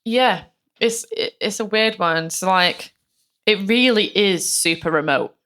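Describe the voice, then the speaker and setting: A woman's voice: medium pitch, unhurried, fairly bright tone. A woman, chatting casually on a true-crime podcast and retelling events with lots of fillers. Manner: chatty, many fillers, acts out quotes. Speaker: podcast co-host telling the case.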